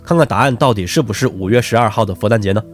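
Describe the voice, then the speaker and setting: A man's voice: fairly low pitch, rapid-fire, over loud music. A man hosting a quiz show in a chatty, teasing way, talkative and often adding tag questions.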